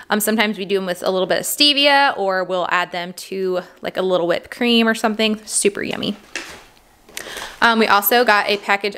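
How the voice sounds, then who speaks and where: A friendly female vlog host in her 30s, mother of a large family, chats casually about her grocery haul at a table indoors at home. Her talk is full of "um"s and small laughs, her medium-pitched voice sounds pushed and bright, and there is slight background noise.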